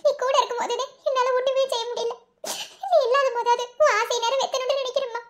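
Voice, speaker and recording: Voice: extremely high pitch, fairly even intonation, fairly quick, fairly bright tone. A performer as a tearful young Madurai college girl. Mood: pleading. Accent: Madurai Tamil. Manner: emotional, pleading, anxious. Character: young woman college student, frightened and tearful.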